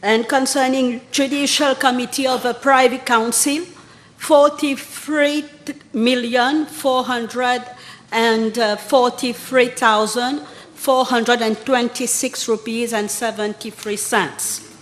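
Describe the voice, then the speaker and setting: A woman's voice: fairly high pitch, fairly even intonation, slow pace. A woman with a Mauritian accent giving a formal parliament speech as a minister answering questions. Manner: formal, addresses the Speaker. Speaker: government minister.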